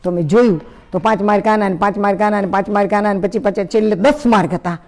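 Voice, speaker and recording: A woman giving a storytelling talk to an audience, lively and speaking straight to her listeners. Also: medium pitch, fast. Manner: lively, acts out story voices, addresses listeners directly.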